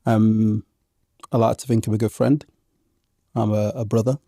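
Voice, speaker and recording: A man's voice: lowish voice, little pitch movement, normal speed, warm tone, no room sound, clean studio sound. A man in his thirties who grew up in England, talking reflectively in an interview with many ums and restarts. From Zambian parents, raised in England from age one. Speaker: podcast guest. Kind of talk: conversational interview.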